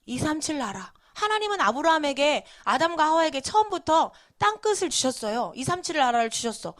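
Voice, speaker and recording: A woman's voice: high voice, very animated, a little fast. A woman preaching a children's sermon, telling a Bible story and quizzing the children with frequent questions.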